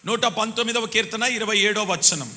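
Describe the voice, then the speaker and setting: Man, pastor, live sermon, high voice, very bright and forceful, long hall reverb. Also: normal speed. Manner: urges the congregation to answer louder, repeats verse references. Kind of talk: live Sunday sermon with call-and-response. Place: church hall.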